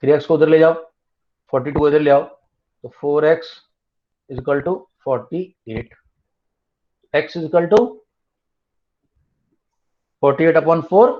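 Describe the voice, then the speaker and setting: Slow-talking male maths tutor, lo-fi. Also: on the high side. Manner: explains step by step, repeats key terms. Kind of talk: online class, Hindi-English mix. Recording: dull lo-fi online class audio.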